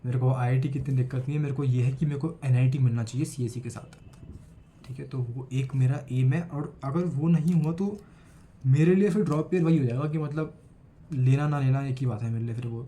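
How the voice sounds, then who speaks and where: The voice is mid-range and dark-toned, moving fairly quickly over a little hiss or hum. It belongs to an 18-year-old student vlogger with an Indian accent who mixes Hindi and English as he earnestly addresses the camera in a casual vlog about getting over a cold.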